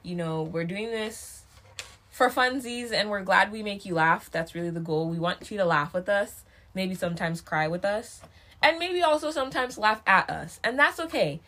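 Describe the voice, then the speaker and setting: A woman's voice: mid-range voice, animated, normal speed, fairly bright tone, a little hiss or hum. A woman co-hosting a podcast in casual chat, chatty and joking, laughing often as she talks. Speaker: podcast co-host.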